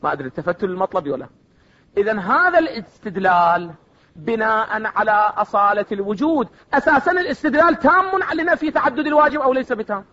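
High-voiced Iraqi man lecturing a class. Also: lively intonation, fast, pushed and bright. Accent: Iraqi Arabic. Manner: quizzes students with repeated either-or questions. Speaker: seminary philosophy teacher. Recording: dull lo-fi recording.

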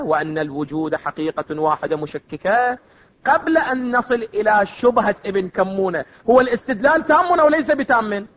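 High-voiced Iraqi man lecturing a class. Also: a bit bright. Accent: Iraqi Arabic. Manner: quizzes students with repeated either-or questions. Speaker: seminary philosophy teacher. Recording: dull lo-fi recording.

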